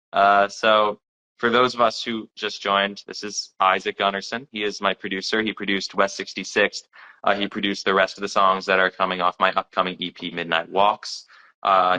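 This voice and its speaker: A man's voice: low-pitched, bright, forceful tone, rough recording. A young man hosting a casual livestream, talking with lots of restarts and repeated words. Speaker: singer-songwriter hosting a livestream.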